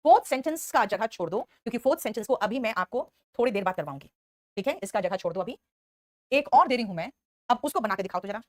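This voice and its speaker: A woman with an Indian accent teaching English grammar in an online class. She explains step by step, slowly repeats the example sentences and praises students by name. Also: fairly high pitch, animated, no room sound, clean studio sound.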